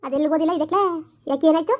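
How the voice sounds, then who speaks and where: A middle-aged woman playing a weary mother who hushes her angry daughter and complains of her own hardship in a village comedy skit. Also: high voice, racing, natural voice. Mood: alarmed. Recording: dull lo-fi audio.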